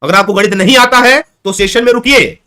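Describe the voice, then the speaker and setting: Teacher guy, high bright voice, keeps repeating questions and calling everyone kids. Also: fairly quick, clear, resonant tone. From Chhattisgarh, India. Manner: coaxing, calls students children, repeats questions. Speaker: online exam-prep teacher. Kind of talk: live online class.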